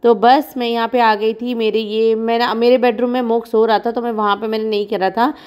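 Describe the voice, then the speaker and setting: A woman's voice: fairly high pitch, level tone, a little fast, a little mellow. A woman in her thirties from India, a vlogging mother chatting frankly and rambling as she talks over her own footage. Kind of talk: casual chat narrating vlog footage.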